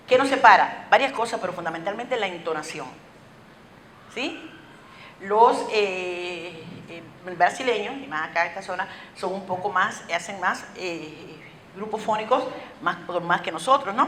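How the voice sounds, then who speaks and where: A woman with a Cuban accent giving a lively, very fast lecture to teachers, asking many rhetorical questions. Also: mid-range voice. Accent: Cuban Spanish. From Cuba. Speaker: conference speaker. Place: school auditorium. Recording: echoey hall with faint noise.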